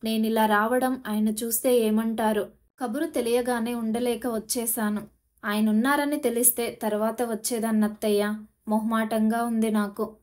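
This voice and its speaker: A woman's voice: a little high, little pitch movement, moderate pace, darkish tone, close to an everyday voice. A woman voicing a young woman who speaks in a choked, pleading way out of distress and unease. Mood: awkward. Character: young woman, distressed daughter-in-law figure.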